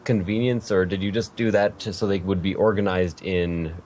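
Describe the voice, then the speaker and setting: A man with a low voice hosts a podcast interview. He talks casually and wanders a little, correcting himself as he goes. A faint hiss sits behind him. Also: fairly even intonation, moderate pace, a little mellow. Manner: rambling, self-correcting, light laughter. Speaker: podcast host.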